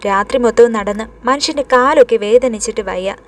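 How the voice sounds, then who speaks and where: A woman's voice: fairly high pitch, brisk, close to an everyday voice. Woman as irritable young man, blaming tone, storybook. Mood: irritated. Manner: angry, blaming.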